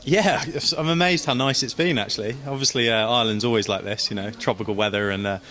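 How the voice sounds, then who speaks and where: A man's voice: lowish voice, fast, sharp tone. A young man, a sailor being interviewed, chatting in an upbeat, self-deprecating way. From Great Britain. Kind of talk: casual post-race interview.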